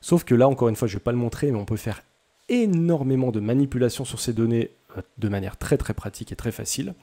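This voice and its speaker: A man's voice: mid-range voice, quick pace, mellow. A young man hosting a casual coding tutorial, chatty and self-deprecating, with many hesitations.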